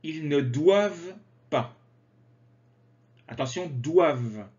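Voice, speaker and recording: A man teaching French grammar, slowly and carefully articulating conjugation drills. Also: fairly high pitch, big pitch swings, darkish tone. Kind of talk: slow grammar lesson with drills. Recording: slightly dull lo-fi sound.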